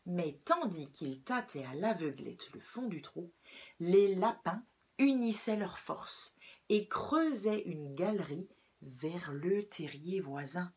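Slow, expressive woman reading to children. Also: lowish voice, slight background noise. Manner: expressive, gentle storytelling. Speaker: children's story reader. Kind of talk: storybook read-aloud for children.

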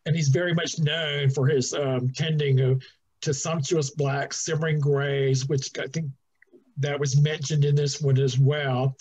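A middle-aged man from New Jersey, a museum docent giving a relaxed, chatty guided talk over a video call, with fillers and restarts. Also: a little high, a little slow, slightly rough. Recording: dull lo-fi video call audio.

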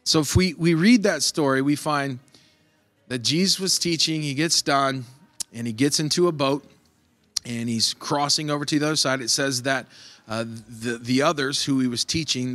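A man's voice: medium pitch, a bit bright. A male pastor preaching a conversational sermon, retelling a Bible story and acting out its voices.

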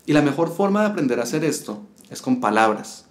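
A man's voice: mid-range voice, sing-song, fast. A man teaching a step-by-step guitar lesson, explaining rhythm and counting syllables aloud. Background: guitar playing.

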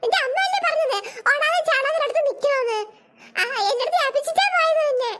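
Cartoon granny, old woman, nags and scolds, squeaky high voice, put on by a woman. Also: fast talker, a bit bright. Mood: scolding. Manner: nagging, sing-song scolding. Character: fussy scolding old grandmother, always hungry.

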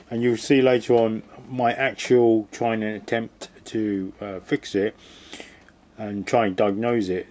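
A DIY video host with a cold gives a rambling, casual walkthrough of a boiler repair, frequently restarting sentences and tossing in jokey asides. His voice is on the low side and a little mellow.

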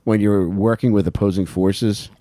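In a small wood-panelled room, an American man with a lowish, warm voice co-hosts a casual comedy podcast at a normal speed. His intonation stays fairly even as he swears and jokes crudely into a handheld microphone held near his mouth, and there's no echo.

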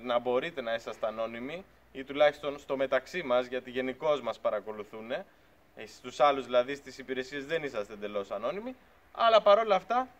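The recording is muffled, and the man's voice sits on the high side. He's in his thirties and hosts a beekeeping channel, arguing his point earnestly in a casual talk to camera outdoors beside a pickup truck at a farm shed.

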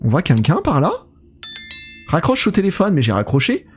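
A man's voice: fairly high pitch, wildly swooping pitch, normal speed, faint music behind. Chatty man commentating a horror game. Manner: chatty, talks straight to his viewers; reacts aloud to scares. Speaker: horror game let's player. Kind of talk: live gameplay commentary.

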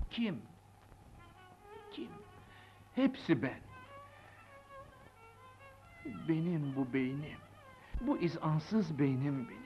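A grief-stricken old father. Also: fairly high pitch. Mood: lamenting. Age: older. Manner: anguished, lamenting monologue. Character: remorseful older father, grieving and self-blaming. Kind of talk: 1950s film drama acting. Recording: dull old film soundtrack with music.

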